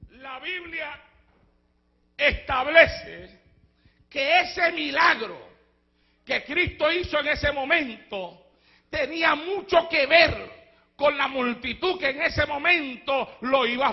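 A man preaching a fervent Pentecostal sermon as pastor, moving between shouted lines and hushed storytelling and breaking into speaking in tongues. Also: very high voice, gravelly. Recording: dull lo-fi church recording.

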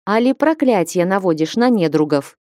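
A woman voicing a bold, strapping young northern warrior woman who speaks loudly and bluntly in an audiobook. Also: medium pitch, expressive, normal speed, no echo, clean studio sound, close to an everyday voice. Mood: friendly. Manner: loud, hearty and blunt.

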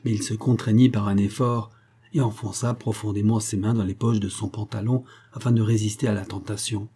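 A man narrating a classic novel in a measured, even reading voice. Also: lowish voice, slightly rough. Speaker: audiobook reader. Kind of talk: scripted narration.

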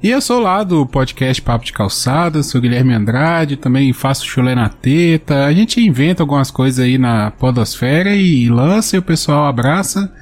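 Mid-pitched Brazilian man, podcast guest. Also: lively intonation, normal speed, few pauses. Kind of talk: casual chat.

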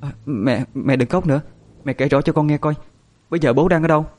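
A man voicing a spirited young woman of nineteen, speaking high and urgent. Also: brisk, darkish tone, close to an everyday voice. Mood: anxious.

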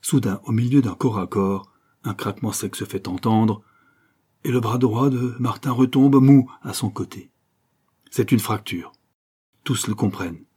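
A man narrating a novel in an intense, dramatic audiobook reading. His voice sits low and dark with a husky grain, and he drives the prose forward with urgent force. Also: unhurried.

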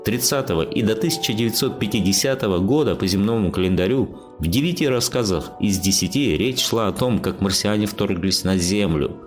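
A man's voice: on the low side, lively intonation, a little fast, hardly any pauses, faint music behind, voice pushed up, lightly acted. A man voicing a stubborn, bookish Martian man who argues earnestly and lectures his accuser.

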